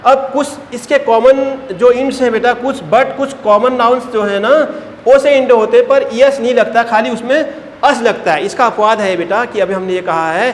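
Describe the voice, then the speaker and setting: A fairly high-pitched male teacher addresses his pupils as "beta" while drilling them on grammar rules, answering his own questions again and again. Faint background noise and a long reverb tail reveal a roomy classroom.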